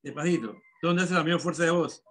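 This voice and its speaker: A man's voice: fairly high pitch, brisk, husky. A male primary school teacher running an online class, calling on pupils and patiently spelling words out syllable by syllable.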